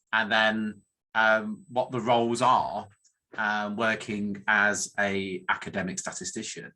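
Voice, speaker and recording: The recording is rough, and the man's mid-range voice comes across pushed and bright. A middle-aged northern English academic statistician with the regional accent, he gives an informal career presentation, meandering and self-deprecating and frequently restarting his sentences.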